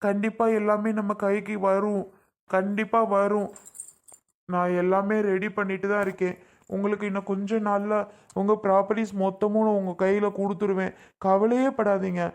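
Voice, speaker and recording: A man's voice: high-pitched, level tone, moderate pace, a little mellow. A man playing a remorseful young man who pleads with his family and begs forgiveness, in a family drama skit. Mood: pleading. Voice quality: earnest, pleading.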